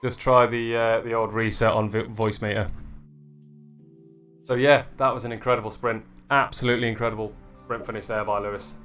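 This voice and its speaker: A man's voice: lowish voice, a little fast, soft background music. Chatty man commentating a race. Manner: excitable, shouts at the finish, chatty with viewers. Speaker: livestream host commentating a virtual bike race.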